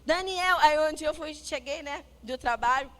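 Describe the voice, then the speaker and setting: A middle-aged Brazilian woman, a psychologist, giving a lively church talk on parenting and acting out family dialogue as she tells stories. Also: sits high, moderate pace. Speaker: guest speaker, psychologist.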